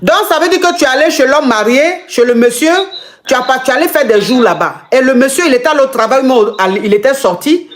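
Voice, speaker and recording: A woman's voice: sits high, expressive, brisk. A woman hosting a call-in advice show as the coach. She retells the caller's story dramatically and acts out the quotes. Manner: talks straight to the caller, teasing and exclaiming.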